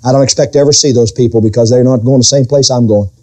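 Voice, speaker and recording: A mellow, fast-talking middle-aged pastor preaches with a fairly even intonation overall. Still, his sermon has sudden pitch swings, drawn-out key words, and quoted voices.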